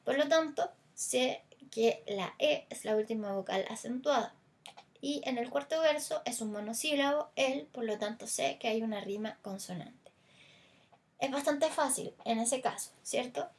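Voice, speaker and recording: A Chilean woman gives a recorded language lesson in a somewhat high voice. She walks through examples patiently, drawing out the stressed vowels of words to show them. Her explanation runs along with small hesitant fillers. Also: measured pace. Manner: stretches stressed vowels to demonstrate. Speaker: teacher.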